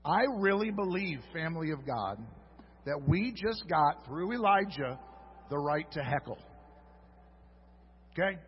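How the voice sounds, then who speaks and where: A man's voice: fairly high pitch, animated, measured pace, pauses often, slight background noise. A man preaching a sermon as a pastor, retelling a story with humorous asides to the congregation. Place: church sanctuary. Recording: dull audio with long hall reverb.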